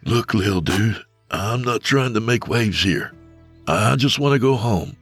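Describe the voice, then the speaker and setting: Man doing a frightened modern guy, husky, gravelly, lively pitch. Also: moderate pace, soft background music, heavily acted. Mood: placating. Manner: frightened, whispered, pleading. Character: scared young modern man lost in the Old West.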